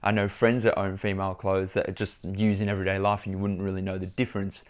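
A young man telling a story to camera in a casual, animated vlog, often restarting and repeating words. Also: deep voice, quick pace. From Australia. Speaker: vlogger.

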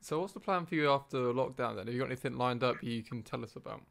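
A man hosting a casual podcast chat, teasing his guest with quick jokes. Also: mid-range voice, creaky, a bit bright. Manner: teasing, jokey interjections. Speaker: podcast host.

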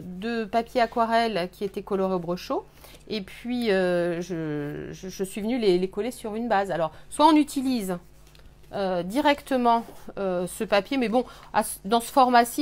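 A woman hosting a live scrapbooking workshop, explaining techniques with many pauses and fillers. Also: mid-range voice, darkish tone. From France. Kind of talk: live craft demonstration. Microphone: webcam on a live stream.

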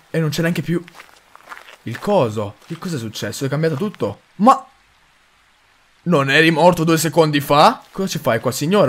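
A young man commenting on a horror game as he plays, excitable, with mild cursing and lots of talk to his viewers. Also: fairly high pitch. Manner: excitable, swears mildly, addresses viewers. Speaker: gaming video host.

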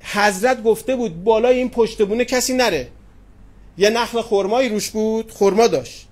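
A man's voice: high voice, darkish tone. A middle-aged man preaching as a cleric, retelling anecdotes with quoted dialogue and tenderly addressing his listeners. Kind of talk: sermon with storytelling. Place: religious gathering hall.

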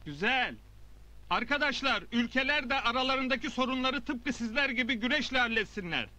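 A headstrong middle-aged newspaper reporter in a film comedy. His voice sits high and has a bright, forceful edge. He comes across as earnest and stubborn. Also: expressive, fairly quick, heavily acted. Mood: earnest speech-making.

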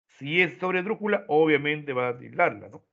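A man teaching an online class, explaining step by step and ending his points with quick checks to his students. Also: on the high side, expressive, gravelly. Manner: explains step by step, tags lines with "¿no?". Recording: tinny phone-like online audio.

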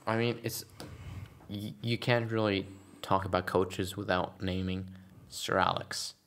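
A man's voice: deep voice, measured pace. A young man, a youth football coach chatting casually with hesitant restarts. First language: Norwegian. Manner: relaxed, hesitant, with stammered restarts. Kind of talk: casual chat.

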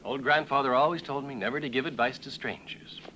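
An actor dubbing a wisecracking American adventurer who talks in a joking, persuasive way. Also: male voice, medium pitch, fairly quick, sharp tone, a little hiss or hum, natural voice, rough recording. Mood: nervous. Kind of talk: dubbed film acting.

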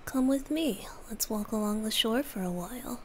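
A woman plays a young wind-spirit bard in a romantic ASMR roleplay, her fairly high voice soft, teasing and often breathy. She speaks at a moderate pace with animation and light acting, sounding wistful and fond.

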